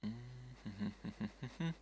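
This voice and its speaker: A man's voice: mid-range voice, very slow, mellow, slight background noise. A man streaming a game, talking casually in a rambling way and often repeating and restarting himself. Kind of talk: casual gameplay commentary.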